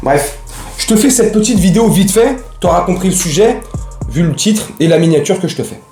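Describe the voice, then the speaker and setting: A man's voice: high voice, animated, a little fast, warm tone, reverberant, soft background music. A man hosting a casual football fan vlog, ranting in slangy, rambling speech. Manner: slangy, heated, rambling with restarts.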